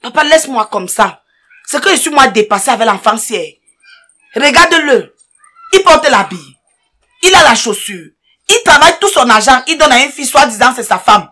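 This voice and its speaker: A woman's voice: fairly high pitch, expressive, fairly quick, sharp tone, slightly rough, full character voice. A woman playing a scolding, dismissive older sister in a comedy sketch. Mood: complaining. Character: bossy older sister who spent his money.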